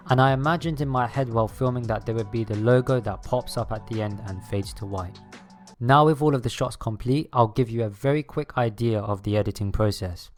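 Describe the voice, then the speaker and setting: A man reading a scripted voice-over as a video creator, explaining his process step by step. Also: medium pitch. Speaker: video creator narrating his own making-of. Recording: music behind the voice. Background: background music.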